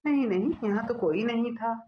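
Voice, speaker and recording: A gruff, bossy old grandfather from a cartoon, as a woman voices him, issuing orders in a grumbling tone. The voice sits rather high for a man, and the recording sounds dull and lo-fi. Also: fairly quick, a little hiss or hum, lightly acted. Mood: commanding. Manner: grumbling, commanding. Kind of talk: cartoon voice acting.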